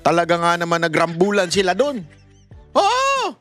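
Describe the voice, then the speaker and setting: A man's voice: sits high, wildly swooping pitch, normal speed, bright, forceful tone, faint music behind. A man giving casual political commentary, mocking and often laughing, addressing viewers directly and mixing in English phrases. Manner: mixes English phrases into talk.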